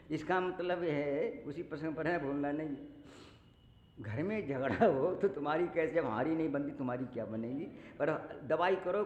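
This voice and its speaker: A male preacher delivers a devotional sermon in an unhurried, homely storytelling way, now and then stretching into slow chanted verses. His voice sits a little high for a man. The sound is dull and lo-fi, carried in a large hall with a long, ringing echo. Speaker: preacher telling the Ramayana.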